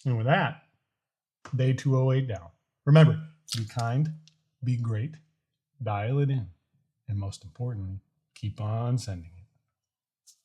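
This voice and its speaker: A man with a husky, relaxed voice talks to his vlog audience about faith and motivation. He is earnest and deliberate, breaking his thoughts into short phrases with pauses. His pitch sits in an ordinary middle range. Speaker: host of a daily challenge vlog. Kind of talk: motivational talk to camera with a faith message.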